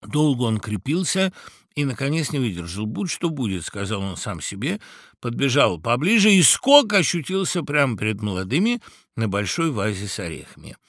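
Man reading a fairy tale, animated. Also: mid-range voice, moderate pace, no room sound, studio quality. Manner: expressive, animated storytelling. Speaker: narrator.

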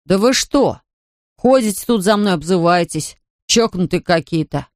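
A woman doing a surly rude boy, slow and gruff. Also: lowish voice, animated, no room sound, clean studio sound, natural voice. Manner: coarse, slow, threatening.

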